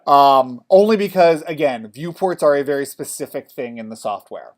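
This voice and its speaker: A male college theater design instructor teaching software in a casual classroom style, often checking in with the class. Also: mid-range voice, expressive, normal speed. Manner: chatty, checks in with "okay?" often.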